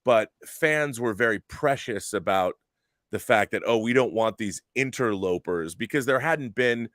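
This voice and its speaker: A middle-aged man from the Seattle area in the United States hosts a casual podcast chat, rambling and halting with frequent restarts and fillers. His voice is fairly low, expressive, and a bit bright, recorded clean in a studio with no room sound.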